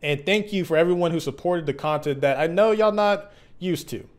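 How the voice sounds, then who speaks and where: A man in his mid twenties talking candidly and off the cuff as a video creator, earnest and reflective, halting and conversational with slang. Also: fairly high pitch. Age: mid 20s. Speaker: YouTube content creator. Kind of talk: candid, unscripted personal vlog.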